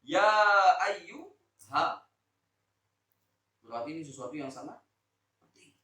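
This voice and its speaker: Male teacher from Lombok teaching Quran exegesis; animated, loud peaks and quiet asides; slightly high voice; distant phone recording. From Lombok, Indonesia. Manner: animated, swings between loud emphasis and soft asides; draws out Arabic words slowly. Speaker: Islamic teacher. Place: school hall, indoors. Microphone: phone camera recording. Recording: echoey room, distant phone mic.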